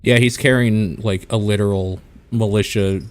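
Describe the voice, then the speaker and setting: A man with a fairly low voice plays in a tabletop game. He talks casually in short, halting bursts as he works out what his character does. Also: steady tone. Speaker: player.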